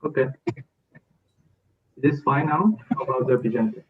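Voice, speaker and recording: A man speaks in a halting, hesitant way, giving an academic talk over a video call. His voice is muffled as if it comes through a wall, distant from a narrow, phone-like laptop mic. He speaks at an average pitch. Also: animated, a little hiss or hum. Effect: muffled, as if heard through a wall. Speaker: invited conference speaker.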